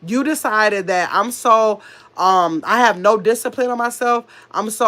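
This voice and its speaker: Reading her livestream chat up close on a phone or webcam mic, a middle-aged woman with a fairly bright, mid-range voice sounds heavily nasal, congested by a cold that's starting. She's chatty and sassy, talking at length, wandering off on tangents, and responding right to viewers' comments.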